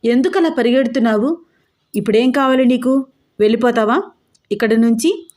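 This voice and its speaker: A woman's voice: a little high, moderate pace, darkish tone, close to an everyday voice. A woman voicing a pushy, sly young man in a story.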